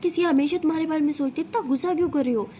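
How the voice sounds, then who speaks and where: A woman's voice: sits high, very fast, warm tone, slight background noise, pitched above the performer's own voice, close to an everyday voice. A woman voicing a teasing older sister who chides with sarcasm. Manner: sarcastic, chiding.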